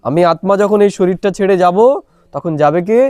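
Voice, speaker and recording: A man with a fairly high voice teaches a meditation class, pausing often to ask his listeners whether they have understood. He speaks into a small clip-on microphone. The sound is dry, with almost no room around it. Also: warm tone, dry recording. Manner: asks listeners rhetorical check-in questions. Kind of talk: spiritual class lecture. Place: small room, recorded on a mobile phone.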